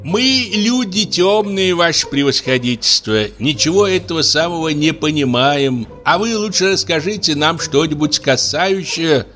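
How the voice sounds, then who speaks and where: A man's voice: animated, moderate pace, few pauses, fairly bright tone, soft background music. A man voicing a coarse, reproachful elderly mother of the bride. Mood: scolding. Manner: shrill and reproachful.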